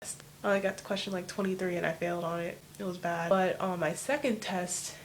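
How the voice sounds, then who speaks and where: A woman's voice: lowish voice, fairly quick, a little hiss or hum. A teenage girl telling a personal story to camera at home, rambling casually and leaning on "like" as filler. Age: teens. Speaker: vlogger. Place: home room.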